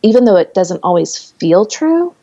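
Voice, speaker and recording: A woman's voice: medium pitch, sing-song, normal speed, mellow, highs cut off. A woman speaking as a podcast guest, talking earnestly in conversation and explaining with stories. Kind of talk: conversational interview.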